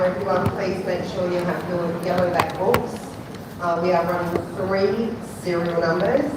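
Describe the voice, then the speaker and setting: A woman working as a bingo caller, reading out numbers digit by digit in a measured sing-song formula that drops at the end of each call. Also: on the low side. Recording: very echoey, distant, noisy hall PA.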